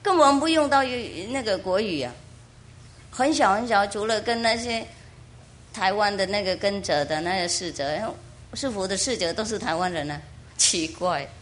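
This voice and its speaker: A woman from Taiwan, a spiritual teacher, telling a moral story in a chatty, animated way and often asking listeners questions. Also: mid-range voice, moderate pace, slight background noise. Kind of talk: storytelling sermon.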